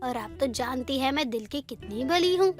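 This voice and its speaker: A woman's voice: high-pitched, lively intonation, normal speed, music in the background. Wheedling lazy young woman. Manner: whiny, wheedling excuses. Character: lazy young sister-in-law who skips bathing.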